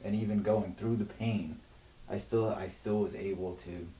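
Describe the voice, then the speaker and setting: A man's voice: fairly low pitch, steady tone, normal speed, warm tone. A man ranting angrily and swearing a lot on a livestream, often breaking off and restarting his sentences. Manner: agitated, swears heavily, rants with frequent restarts. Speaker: streamer. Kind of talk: unscripted venting monologue on a livestream. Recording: echoey room, mic at a distance, faint noise.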